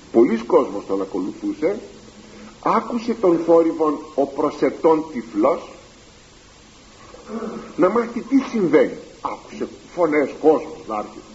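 A man's voice: a little high, sing-song, pauses often, darkish tone, a little hiss or hum. A man preaching a sermon in formal, old-fashioned church diction, dramatic and full of rhetorical questions. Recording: dull lo-fi recording.

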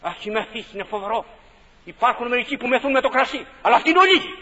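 A man's voice: extremely high pitch, animated, sharp tone. A man preaching a fervent sermon, repeating his phrases for emphasis and asking rhetorical questions. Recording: dull lo-fi recording with long hall reverb.

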